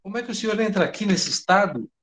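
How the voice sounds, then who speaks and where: A jittery young male aide, fussing and bowing to his boss in a story read aloud, as a Brazilian-accented man puts him on. The voice sits a little high and darts between nervous courtesy and alarm. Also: expressive, quick pace, a bit bright. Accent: Brazilian Portuguese. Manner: anxious, overly polite and servile.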